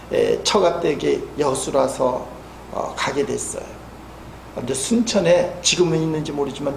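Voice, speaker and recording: Gravelly high-voiced male pastor preaching. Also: a little hiss or hum. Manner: storytelling, swings between soft asides and loud emphatic peaks. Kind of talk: sermon. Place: church sanctuary. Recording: echoey church hall.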